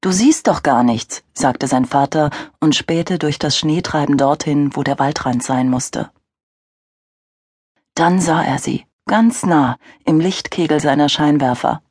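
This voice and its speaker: A woman narrating an audiobook thriller in measured, even storytelling. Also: deep voice, breathy edge, dry recording, clean studio sound. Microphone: studio microphone.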